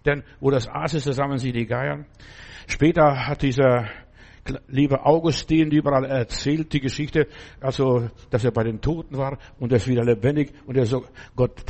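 A man's voice: mid-range voice, darkish tone. A man preaching a sermon who addresses listeners directly and often checks with them, acting out cries for help in a raised voice.

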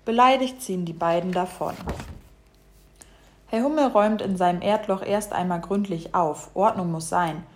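A woman narrating a children's storybook in a lively, expressive way. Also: on the low side, moderate pace.

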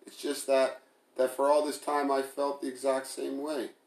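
A man's voice: medium pitch, completely flat delivery, moderate pace, pitched above the performer's own voice, close to an everyday voice. A man voicing an evasive, unsure young man who fumbles and hesitates over his words. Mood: hesitant. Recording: roomy echo.

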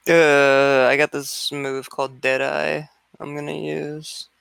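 Gravelly, bright-voiced male player. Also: fairly high pitch, little pitch movement, takes it slowly, dry recording. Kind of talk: casual tabletop game play.

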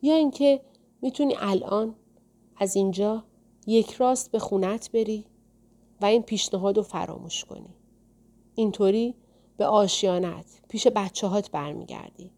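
A woman reading the part of a calm, soft-spoken older man, a gentle mystic, in an audiobook. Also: mid-range voice, close to an everyday voice. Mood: tender.

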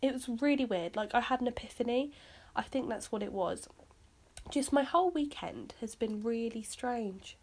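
A woman's voice: fairly high pitch, normal speed. Woman rambling on her podcast. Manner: rambling, chatty, lots of fillers. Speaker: podcast host. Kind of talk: casual solo podcast chat.

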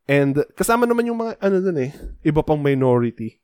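A man's voice: fairly high pitch, sing-song, a little fast, darkish tone, clean tone, dry recording, clean studio sound. A man with a Filipino accent co-hosting a casual podcast, explaining at length and mixing Tagalog and English. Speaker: podcast co-host.

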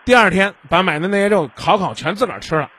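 On his radio call-in advice show, the host lectures a caller and plays out little dialogues, constantly asking if the caller understands. His voice sits high, expressive and quick, with a sharp, slightly rough tone.

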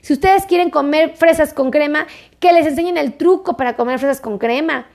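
Fairly quick and high-voiced with a slightly mellow tone, this woman doctor gives a casual direct-to-camera health talk. As a health video creator, she chats with viewers repetitively, gently coaxing them along.

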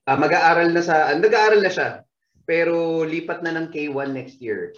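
A man's voice: a little high, animated, moderate pace. A man guest in a casual chat among old friends, answering in short, easygoing replies. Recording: echoey, dull call audio.

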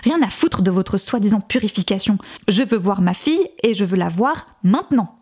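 A woman's voice: medium pitch, animated, moderate pace, darkish tone, slightly rough. A woman reading aloud voices a determined mother who talks in a blunt, furious way. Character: angry determined mother, fierce.

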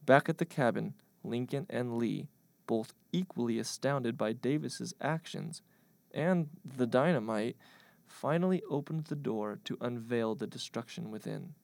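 Dude telling a fake history story all deadpan and grand, gravelly voice, dry close sound. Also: male voice, mid-range voice, a little slow, no echo. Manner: deadpan mock-grand delivery. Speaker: narrator. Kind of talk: mock-historical comic storytelling.

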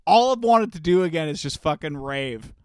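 A man's voice: fairly high pitch, expressive, moderate pace, clear, resonant tone, no echo, clean studio sound. A young man co-hosting a podcast, telling stories in loose, profane casual chat and laughing often. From Canada. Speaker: podcast co-host.

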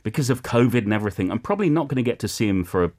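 A male radio co-presenter with a deep voice. His delivery is highly animated, cheeky and theatrical, leaning hard on words as he chats in the studio. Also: rapid-fire. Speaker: regular radio show co-presenter. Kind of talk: casual radio chat. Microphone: studio microphone.

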